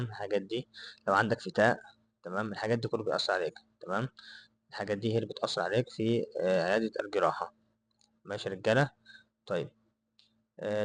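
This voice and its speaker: A young man with an Egyptian accent, giving loose, unscripted advice to his viewers and often checking that they follow along. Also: on the low side. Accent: Egyptian Arabic. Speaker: advice vlogger. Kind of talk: unscripted explainer to camera.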